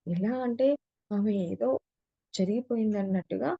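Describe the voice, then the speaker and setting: A woman's voice: mid-range voice, normal speed, creaky, slightly rough, no echo, highs cut off. A woman teacher reads a story aloud, then retells and explains each passage in casual talk. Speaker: spiritual teacher.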